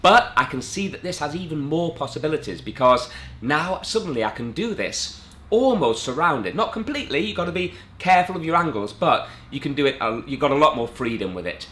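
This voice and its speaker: A man reviewing a magic product in a casual, rambling way, full of asides. His voice is bright and forceful, and it rises and falls a lot. The room around him is echoey. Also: fairly high pitch, very animated, fairly quick. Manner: chatty, rambling, enthusiastic asides.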